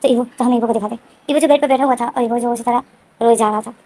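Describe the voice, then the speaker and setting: A woman recapping a story in a casual, rambling way, circling back over the same points with many restarts. Her voice is high and quick, with a dark, mellow tone. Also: steady tone, poor audio. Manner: repetitive, frequent restarts and fillers. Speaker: story explainer.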